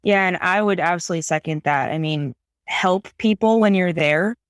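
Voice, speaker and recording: A woman's voice: on the low side, moderate pace, clean tone, no room sound, clean studio sound. A woman who is a new FBI agent, sharing enthusiastic, motivational advice on a podcast.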